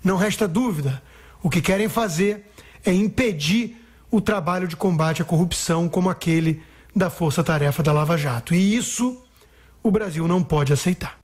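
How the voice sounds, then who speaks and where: A man's voice: high-pitched, moderate pace, breathy edge. A man reading a prepared political opinion piece on the radio in a firm, emphatic way. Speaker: political commentator. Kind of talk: scripted radio opinion commentary.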